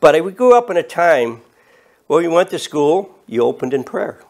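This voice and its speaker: A man of eighty preaching an earnest, measured sermon from a podium and rising in emphasis on key words. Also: a little high, very animated, gravelly, darkish tone. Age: 80s. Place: studio set with bookshelves and flags.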